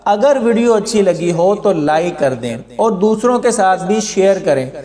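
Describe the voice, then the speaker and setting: A man teaching Quran reading in a slow explanatory lesson, with a Pakistani Urdu accent, drawing out the words he recites. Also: high voice, lively intonation, mellow. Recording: echoey room with long reverb.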